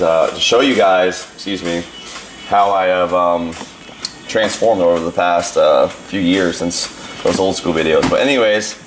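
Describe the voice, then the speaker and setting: Hoarse deep-voiced man vlogging casually. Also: slight background noise, rough recording. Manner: chatty, rambling, telling a story with shouted quotes. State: hoarse, voice worn out. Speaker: fitness vlogger. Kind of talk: casual vlog talk to camera.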